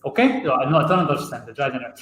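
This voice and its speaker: A man's voice: mid-range voice, very fast, a bit bright. Upbeat man hosting, echoey room. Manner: upbeat, laughs between words. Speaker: improv show host. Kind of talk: livestream hosting. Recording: echoey room with faint noise.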